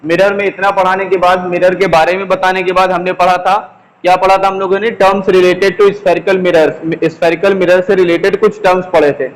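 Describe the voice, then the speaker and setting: High, even-toned teacher man with hall echo. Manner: slow, repeats key terms, asks the class questions. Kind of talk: classroom lesson, explaining while writing on a board. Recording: long echoing reverb.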